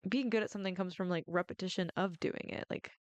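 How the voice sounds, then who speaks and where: Chatting through a game, a young film student rambles on with plenty of "like" fillers. She talks fast in a smooth, fairly low voice, recorded with no room sound.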